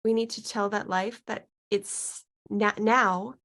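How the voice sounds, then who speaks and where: A woman guiding a client through an unscripted healing session as a mystical healer, speaking in a halting, searching way with thoughtful pauses. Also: medium pitch, steady tone, a bit bright. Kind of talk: unscripted guided healing session, musing aloud.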